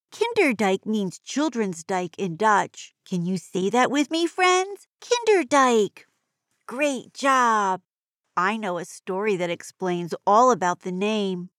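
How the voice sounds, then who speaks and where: A woman voicing an excitable young girl in a children's audio story, with a broad, singsong, exclamatory children's-theatre delivery. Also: on the high side, dry recording, studio quality. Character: Jazzy, excitable young girl tourist who loves cats.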